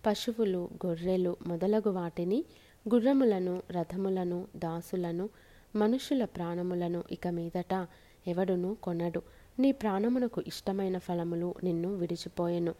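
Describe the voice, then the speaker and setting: A woman reading scripture aloud in measured, solemn phrases with short pauses. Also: fairly low pitch, mellow. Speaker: scripture reader.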